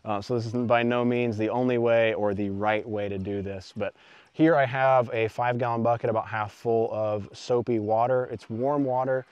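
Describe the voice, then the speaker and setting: Out in the woods, a man in his thirties who hosts a muzzleloading channel gives an informal, self-deprecating how-to demonstration into a clip-on lapel mic. His voice is medium-pitched with a darkish, clean tone and no room sound.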